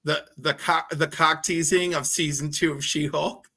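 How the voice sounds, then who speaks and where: A man's voice: fairly high pitch, steady tone, moderate pace, bright, forceful tone. A man joining a casual hangout livestream as a guest, rambling and joking as he chats. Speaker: co-host guest.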